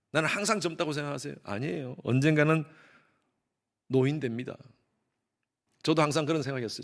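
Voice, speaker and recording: A middle-aged man preaching a Sunday sermon as pastor, emphatic, swinging between loud stresses and hushed asides, acting out quoted speech. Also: a little high. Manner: acts out quoted speech in voices. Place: church sanctuary.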